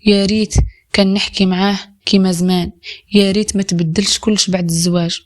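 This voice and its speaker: A lonely young wife from a spoken story speaks her thoughts in a quiet, wistful voice with an Algerian Arabic accent, as a woman narrator voices her. Her pitch stays in an ordinary middle range, close to the narrator's own voice. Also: level tone, fast talker, close to an everyday voice.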